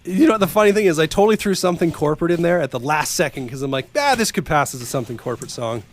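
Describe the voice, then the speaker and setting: A man's voice: fairly high pitch, lively intonation, slight background noise. Laughing man hosting a quiz game. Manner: laughs often, teasing, reads lyrics in a slow dramatic voice. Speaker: podcast co-host. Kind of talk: casual game chat.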